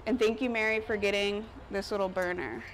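Her medium-pitched voice stays steady and fairly quick as this chef in her thirties chats her way through a cooking demonstration on an outdoor covered market stage. Audio from her lapel mic is poor, with outdoor park noise behind her.

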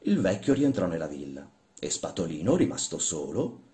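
Guy reading a story out loud, measured and expressive, lively pitch. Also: very noisy. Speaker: reader. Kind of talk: literary reading. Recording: roomy echo.

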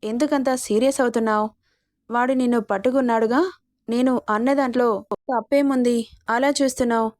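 A woman's voice: fairly high pitch, fairly even intonation, brisk, darkish tone, no echo, studio quality, close to an everyday voice. Woman reading a smug young college bully. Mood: taunting. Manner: mocking, threatening, smug. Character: arrogant, taunting young male college bully.

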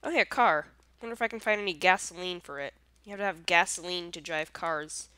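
A woman's voice: lowish voice, fast talker, sharp tone, smooth, no room sound. A woman with a congested, nasal voice chatting casually through her gameplay, easily surprised and self-deprecating. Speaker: gameplay commentator.

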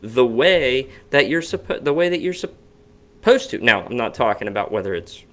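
A man's voice: mid-range voice, sing-song, normal speed. A man co-hosting a podcast in casual chat, talking in a rambling way with frequent restarts. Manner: rambling, restarts often, chatty. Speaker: podcast co-host. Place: basement home studio.

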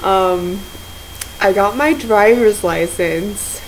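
A sleep-deprived young woman rambling casually to friends on a webcam at home, slangy and joking in a deadpan way. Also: medium pitch, extremely slow, a little hiss or hum, rough recording. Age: young adult. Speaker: video blogger. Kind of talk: casual chat to friends on camera. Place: living room at home, indoors. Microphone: webcam or laptop mic at arm's length.

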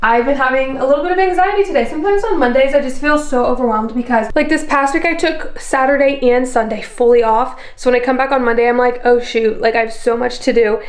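High-pitched and fast, with hardly a pause, a woman in her twenties vlogs in a bubbly, gushing, casual way. She's a lifestyle and fitness vlogger holding a camera at arm's length, moving from her kitchen and bedroom to a parked car.

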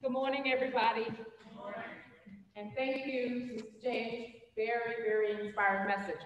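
A woman's voice: fairly high pitch, little pitch movement, normal speed, highs cut off, a little hiss or hum. A middle-aged woman with a Mississippi drawl, a college instructor addressing students in a folksy way, repeating phrases. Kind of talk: addressing students at a chapel assembly. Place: large indoor gymnasium. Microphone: handheld microphone. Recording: echoey gymnasium PA, long reverb.

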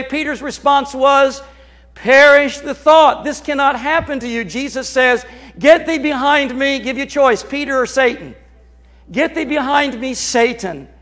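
A middle-aged American man preaches from the stage of a church sanctuary, his voice sitting unusually high for a man. He moves and gestures as he talks, and at times drops to a quiet, confiding tone with the congregation. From United States. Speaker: pastor. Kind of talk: sermon.

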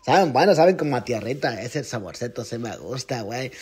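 A man voicing a rowdy, swaggering ranch tough guy with a husky voice, brash and foul-mouthed, in comedy sketches. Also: medium pitch, animated, fairly quick. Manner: brash, swaggering, swears a lot.

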